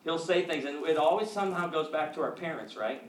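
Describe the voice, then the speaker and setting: A middle-aged man preaches to a congregation, telling stories and acting out the lines of the people in them. His voice sits a little high, and it rings through a large echoey church. He stands away from the mic, and crowd noise is clear under him. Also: a little fast. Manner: animated storytelling, acts out quotes. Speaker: pastor. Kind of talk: sermon with personal stories. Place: church sanctuary. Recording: echoey hall, mic at a distance, audience noise.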